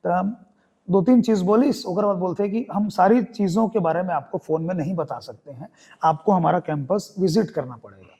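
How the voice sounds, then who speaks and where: High-voiced young Chhattisgarhi storyteller man. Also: a little fast, slightly rough. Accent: Chhattisgarhi Hindi. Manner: animated storyteller acting out quoted voices. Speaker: guest theatre artist. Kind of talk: podcast interview storytelling.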